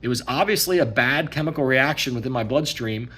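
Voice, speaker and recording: A man playing a pleading husky defendant. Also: mid-range voice, fairly quick, a bit bright. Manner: pleading, earnest. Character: adult male defendant pleading before a judge.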